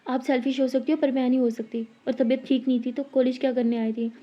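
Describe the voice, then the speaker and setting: A woman's voice: high-pitched, steady tone, quick pace. Woman reading young college woman, caring, stubborn, insistent; storybook voice on muffled audio. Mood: firm, teasing. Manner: fussing, insistent. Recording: slightly dull lo-fi audio.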